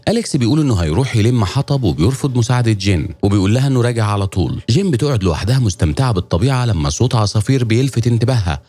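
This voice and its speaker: Male narrator, Egyptian Arabic accent, very fast scripted film recap read, mid-pitched, steady storytelling. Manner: rapid, steady storytelling delivery.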